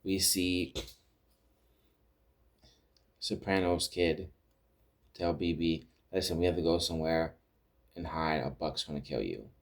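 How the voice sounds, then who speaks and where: Male podcast host, very low voice, loose rambling episode recap. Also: a little slow, pauses often. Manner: rambling retelling with many restarts and quoted lines. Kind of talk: casual recap chat.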